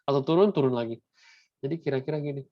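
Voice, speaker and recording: A man's voice: mid-range voice, fast, no echo. A young man with an Indonesian accent teaching a maths lesson in a casual, chatty way, often checking that students follow. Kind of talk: classroom lesson mixing Indonesian and English. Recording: dull, dry sound.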